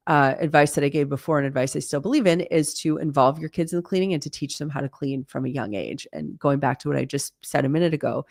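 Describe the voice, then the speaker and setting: Chatty gravelly-voiced woman in her forties. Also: deep voice, no echo, studio quality. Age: 40s. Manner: chatty, candid, lots of fillers. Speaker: host. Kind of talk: live-stream Q&A chat.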